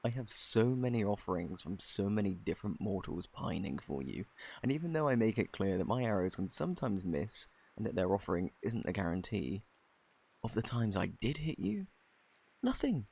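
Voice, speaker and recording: A man with a British accent playing a flirty, bashful, kindly Cupid in an intimate ASMR romance roleplay, softly spoken, stammering and flustered. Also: fairly low pitch, very animated, creaky, slightly rough, exaggerated voice, rough recording. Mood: flustered, apologetic. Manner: flustered, stammering, halting, apologetic.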